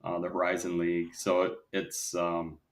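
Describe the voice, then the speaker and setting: Low-voiced wisconsin guy hosting a podcast, chatty, fixes his slips as he goes. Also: completely flat delivery, moderate pace. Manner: conversational, self-correcting, asks questions. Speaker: podcast host. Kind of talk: casual podcast chat.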